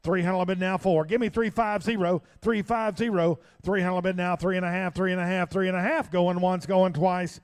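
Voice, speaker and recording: A man working as an auctioneer, calling bids in a rapid, folksy, repetitive chant. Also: sits high, fairly even intonation, clean tone.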